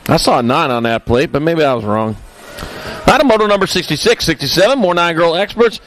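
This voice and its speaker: A man's voice: fairly high pitch, a bit bright, slight background noise, low-quality recording. A man announcing a live race, rattling off rider names and results and tossing in jokey asides. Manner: jokey asides between rapid rider call-outs.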